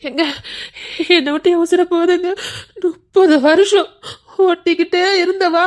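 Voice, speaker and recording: A woman's voice: extremely high pitch, steady tone, normal speed. A woman as a wailing, weeping friend in a comic skit. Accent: Tirunelveli Tamil. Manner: melodramatic wailing lament. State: crying. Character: middle-aged woman wailing over her departing friend.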